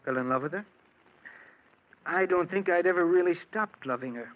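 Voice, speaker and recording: An actor in an old-time radio drama plays an unhappily married man, lovelorn and bitter, confessing his past in first-person narration and dialogue. His high voice moves at a normal speed with a lightly acted, earnest and dramatic delivery, in a wistful, confessional mood. The old radio recording is muffled and noisy.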